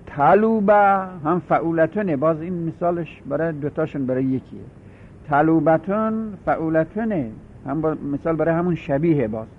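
A man gives a methodical grammar lecture, repeating each pattern and spelling it out for his students. His voice sits a little higher than usual for a man. The sound is thin and phone-like, with a faint low rumble underneath. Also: expressive. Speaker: teacher.

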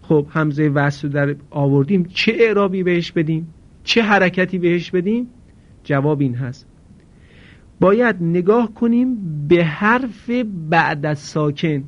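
A man teaching Arabic grammar in a recorded lesson, speaking slowly and deliberately, asking his students questions and answering them himself. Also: fairly high pitch. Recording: dull lo-fi recording.

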